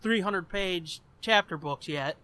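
An American man in his twenties hosts a podcast, speaking slowly in a high, sharp-toned voice. He rambles casually through personal stories, cursing freely along the way.

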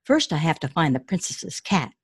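A woman's voice: big pitch swings, normal speed, breathy edge, exaggerated voice. A woman voicing a frightened young prince. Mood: pleading. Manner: pleading, raised pitch. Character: young prince, scared but pleading.

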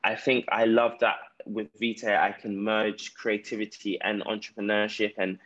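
A man's voice: lowish voice, little pitch movement, moderate pace, a bit bright, highs cut off. A man with a South London accent telling his own story conversationally as an interview guest. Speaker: podcast guest, entrepreneur. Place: remote call from Ghana.

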